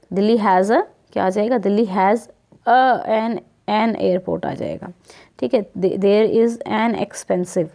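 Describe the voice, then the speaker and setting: Slow, mellow-voiced Indian woman teaching. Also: medium pitch. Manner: repeats words slowly, keeps checking with "theek hai". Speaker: English teacher. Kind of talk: worksheet lesson explained in Hindi.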